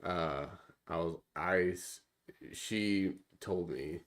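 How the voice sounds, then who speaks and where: A man's voice: deep voice, drawn-out words. A man co-hosting a podcast, talking in a rambling, profane way with many restarts and fillers. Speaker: podcast co-host. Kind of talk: casual chat.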